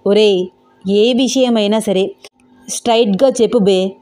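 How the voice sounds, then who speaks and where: A woman's voice: mid-range voice, measured pace, warm tone, soft background music, close to an everyday voice. A woman voicing an easygoing young man who teases his best friend, in a storybook reading. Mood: teasing. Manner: casual, teasing.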